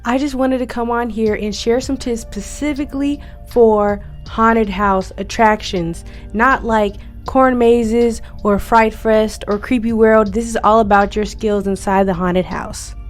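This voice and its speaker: A woman's voice: a little high, steady tone, unhurried, few pauses, soft background music. A young woman vlogger sharing friendly, encouraging tips as a first-year scare actor, in a chatty, upbeat way. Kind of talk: friendly tips vlog, partly scripted.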